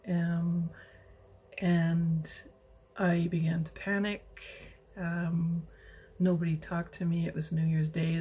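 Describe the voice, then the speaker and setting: A middle-aged woman from western Canada telling her personal story in a slow, halting, emotional way, with many pauses and restarts. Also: lowish voice, vocal fry, mellow, breathy edge. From British Columbia, Canada. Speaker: interviewee. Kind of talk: personal testimony.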